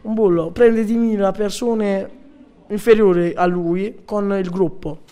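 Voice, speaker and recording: High, smooth young male voice, hesitant. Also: fairly even intonation, dark tone. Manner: hesitant, halting. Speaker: interviewee.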